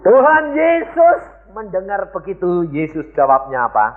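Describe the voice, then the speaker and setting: A man's voice: high voice, wildly swooping pitch, unhurried. A male pastor preaching a sermon with emphatic delivery, often asking the congregation rhetorical questions. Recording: echoey hall, thin phone-like sound.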